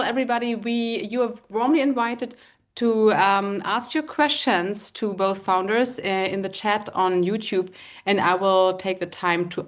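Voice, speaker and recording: A woman with a German accent hosts a live online interview. She talks at a middling pitch and pauses often with fillers as she hands over to her guests. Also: fairly bright tone. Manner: hesitant, with many fillers. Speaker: host.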